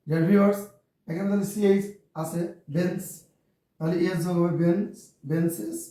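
Male teacher with a Bengali accent, slightly high and mellow, spells words aloud, recorded far off in a very echoey room. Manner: repeats "dear viewers", spells words letter by letter. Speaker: English teacher. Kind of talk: classroom lesson to camera.

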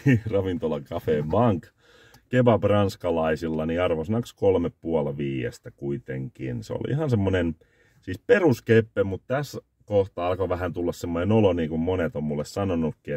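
A very low-pitched man talks to a phone camera from inside a parked car. He rambles through a food review, correcting himself and giving scores out of five. The sound is dry and close. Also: mellow, no echo. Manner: rambling, self-correcting, scoring dishes out of five. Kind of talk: casual review vlog. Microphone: phone camera on the dashboard.

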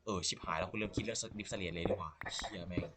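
A man's voice: sits low, fast talker, very noisy. A man giving casual, profane, self-mocking commentary as he plays a game. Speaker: gameplay commentator. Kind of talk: casual let's-play commentary.

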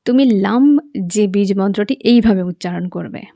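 A woman's voice: medium pitch, normal speed, mellow, no room sound, studio quality. A woman teaching chakra meditation, explaining patiently and checking that listeners follow. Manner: patient, repeats and checks understanding. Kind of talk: guided meditation instruction.

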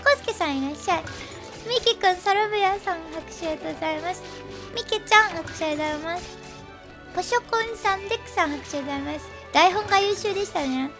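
A woman's voice: very high voice, fast talker. A woman live-streaming a game, chatty and laughing often, a bit nasal from a cold. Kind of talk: casual live-stream commentary. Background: game music.

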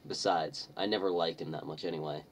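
A man's voice: sits low, fairly even intonation, brisk, a little hiss or hum, lightly acted. A man voicing a spiteful, dismissive old male headmaster wizard in a comic fan-fiction reading. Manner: mean, dismissive.

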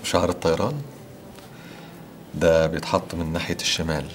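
An actor playing a smooth, flirtatious pilot with an Egyptian Arabic accent, in a TV drama. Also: male voice, sits low, fairly even intonation, fairly quick, a little hiss or hum, lightly acted.

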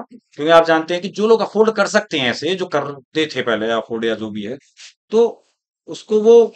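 Man, teacher, classroom lecture, rhetorical, checks in with students, slightly high voice. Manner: rhetorical, asks students if they follow.

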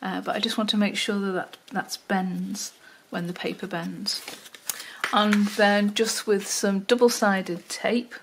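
Filmed from overhead with only her hands in view, a Welsh-born older woman chats her way through a craft tutorial at her table indoors. She has a mid-range, steady voice at a measured pace and a Wirral accent mixing Welsh and Liverpool, with plenty of ums and muttered remarks to herself. There's background noise.

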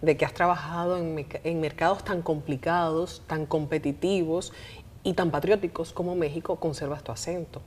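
A woman's voice: deep voice, steady tone, moderate pace, darkish tone. A woman in her thirties with a Dominican Spanish accent, interviewing as a talk show host in a direct, teasing way. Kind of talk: conversational TV interview. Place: indoor TV studio. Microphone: lapel mic.

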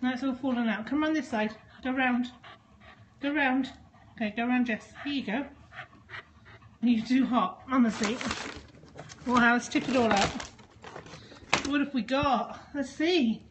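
A woman with a high, slightly slow voice talks to her dogs in a coaxing, sing-song way while she films herself unboxing a parcel at home. She pauses often, and the background is noisy.

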